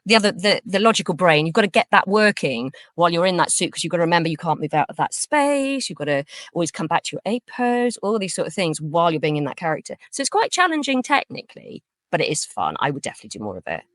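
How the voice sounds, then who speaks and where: A woman's voice: lowish voice, big pitch swings, fast, few pauses, fairly bright tone, dry recording, studio quality. A woman with a North Welsh accent talks casually in an interview as a voice actor, thinking aloud as she goes. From North Wales.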